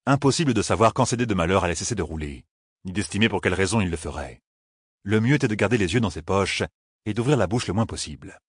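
A man narrating a fantasy novel in a measured storytelling manner, with a husky voice. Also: sits low, animated, no room sound, studio quality. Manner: measured storytelling, slowing for emphasis. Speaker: audiobook narrator.

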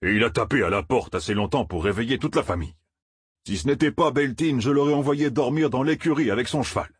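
A man's voice: mid-range voice, quick pace, husky, no echo, studio quality, pitched above the performer's own voice, natural voice. A man voicing a portly, pompous village mayor with a disapproving tone.

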